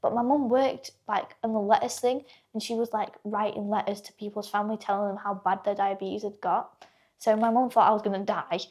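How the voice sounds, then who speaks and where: A woman's voice: mid-range voice, steady tone, a little fast, a little mellow. A teenage girl, a guest telling her stories in casual chat and acting out what people said. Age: teens. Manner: chatty storyteller, acts out quotes, laughs often.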